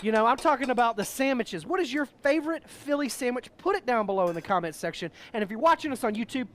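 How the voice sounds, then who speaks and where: Jolly, loud barbecue-dad show host, man. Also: extremely high pitch, animated, fast talker. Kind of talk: casual outdoor cooking show chat.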